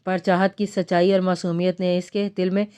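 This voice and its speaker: A woman narrating a romance novel aloud in a plain, unhurried reading style. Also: on the low side, level tone, warm tone, clean tone.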